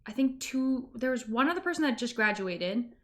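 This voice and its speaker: Bright, high-voiced woman chatting casually. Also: moderate pace. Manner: animated, informal, emphatic retelling with quoted reactions. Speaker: streamer reacting to news. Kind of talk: casual reaction chat.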